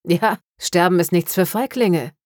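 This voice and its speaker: A woman voicing a gentle, wryly amused young woman necromancer who speaks softly and kindly. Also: sits low, moderate pace, dry recording, studio quality. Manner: soft, friendly, lightly teasing.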